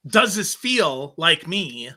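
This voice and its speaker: A man's voice: on the high side, sing-song, slow pace, bright, forceful tone. A man hosting a podcast interview, summing up his guest's points and asking follow-up questions. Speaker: podcast host. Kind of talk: interview host.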